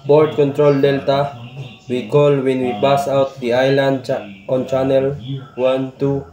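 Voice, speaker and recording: A man on a ship calling port control over a marine radio, speaking in clipped, measured radio protocol. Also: medium pitch, little pitch movement, mellow. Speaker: ship's radio operator. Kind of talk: formal radio procedure. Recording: muffled echoey radio transmission.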